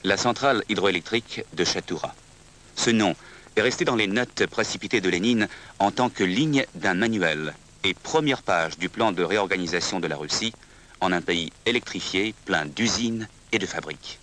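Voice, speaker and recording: A man reads scripted historical documentary narration in a measured, solemn manner. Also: low-pitched, a bit bright, slight background noise.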